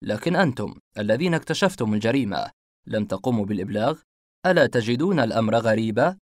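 A man playing a self-assured police detective in a spoken mystery, pressing his questions with slow, pointed calm. His mid-pitched voice is close and dry. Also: no room sound, natural voice. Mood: probing. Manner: measured, confident.

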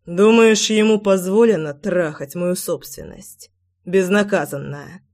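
A woman voicing a domineering, threatening man who speaks in a slow, hoarse, low growl in a spoken-word story. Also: a little mellow. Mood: menacing.

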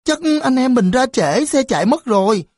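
A woman's voice: fairly high pitch, sing-song, moderate pace, darkish tone, no echo, studio quality, pitched above the performer's own voice. A woman voicing a timid, naive little boy in an audiobook. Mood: fretful. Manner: shy, fretful.

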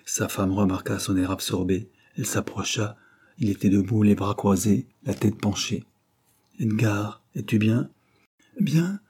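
A man reads an audiobook in a scripted narration. He's the narrator, with a voice that is deep, dark and husky, and a delivery that's steady and measured.

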